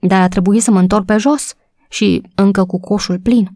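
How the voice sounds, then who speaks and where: A woman's voice: fairly even intonation, warm tone, no room sound, natural voice. A woman reading a storybook voices an agitated housewife close to tears, talking breathlessly. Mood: flustered. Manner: breathless, high-strung, tearful.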